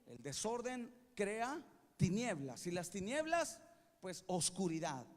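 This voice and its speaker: High-voiced, lively preaching man. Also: takes it slowly. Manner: animated preaching, has the congregation repeat after him and asks if they follow. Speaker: pastor. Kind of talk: sermon. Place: church sanctuary. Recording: long hall reverb from a church.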